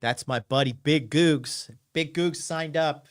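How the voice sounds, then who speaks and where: With a voice on the high side and a slow delivery, a late-thirties dating coach takes calls on a casual advice show, slight background noise audible. He hammers points home, repeats himself, and often checks in with "okay."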